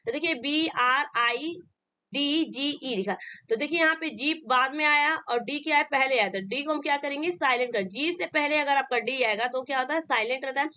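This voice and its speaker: A woman teaches an English spelling lesson in a high, bright voice. She keeps asking questions and answering them herself, in a steady drilling way. The recording sounds dull and lo-fi. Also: moderate pace. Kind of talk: classroom lesson.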